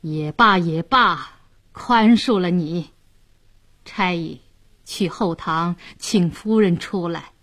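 A woman's voice: fairly low pitch, a bit bright. A woman doing a stern upright magistrate. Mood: commanding. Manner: measured, stern, commanding. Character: stern upright male magistrate, calm and dignified.

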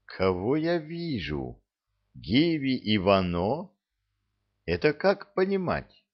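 A man's voice: mid-range voice, huge pitch swings, slow pace, lo-fi sound, voice pushed up, full character voice. A man doing a stern commanding elf lord. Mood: imperious. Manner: barking orders, imperious.

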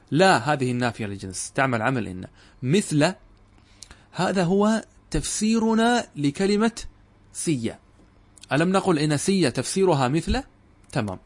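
A middle-aged man lecturing on Arabic grammar, explaining step by step and asking his students questions that he then answers himself. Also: on the high side. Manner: addresses students directly and urges them to pay attention. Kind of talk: classroom lecture.

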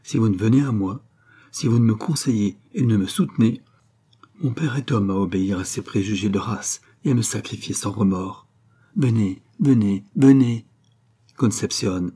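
A man's voice: fairly low pitch, normal speed, mellow, breathy edge. A man voicing a proud, passionate young Spanish noblewoman who speaks urgently and imploringly. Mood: pleading.

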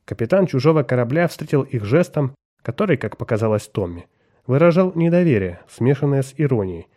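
A man narrating a science fiction audiobook in a measured, even storytelling manner. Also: medium pitch. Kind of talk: scripted narration.

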